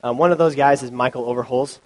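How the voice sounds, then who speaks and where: A young youth pastor with a cold, sniffly and mid-range in pitch, preaches a casual sermon fast and with fairly even intonation. He's loose and chatty, full of ums and likes, speaking into a handheld or stand mic.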